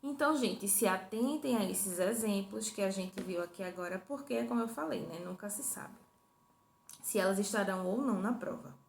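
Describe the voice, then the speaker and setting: In an echoey room with a faint hum, a young woman with a fairly high, creaky voice leads a review lesson for primary school children. She is patient and repetitive, checking in with her young listeners often.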